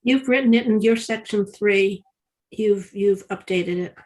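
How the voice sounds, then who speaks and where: A woman's voice: mid-range voice, a little slow, a little mellow, rough recording. Conversational woman legislator. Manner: conversational, laughs easily. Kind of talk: committee discussion.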